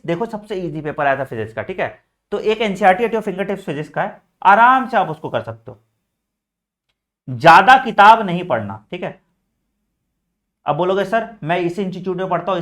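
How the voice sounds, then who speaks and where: A man's voice: fairly high pitch, a bit bright. A man coaching exam students in a casual lesson, talking directly and checking in often, mixing in English phrases. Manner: frequent "theek hai" check-ins, addresses students as beta.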